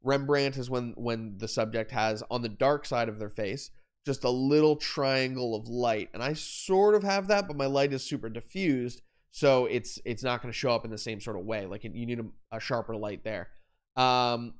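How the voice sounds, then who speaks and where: A young man talks casually on a live stream, walking through lighting setups, with many fillers and restarts. His voice is smooth and clear, pitched in an ordinary middle range. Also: normal speed. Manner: rambling, self-correcting, explains while demonstrating. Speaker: photography livestream host.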